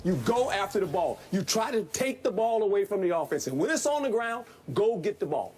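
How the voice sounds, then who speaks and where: A man, a former football coach, analyzing a game in a sports debate, folksy and animated, repeating himself. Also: high voice, a little fast, faint music behind.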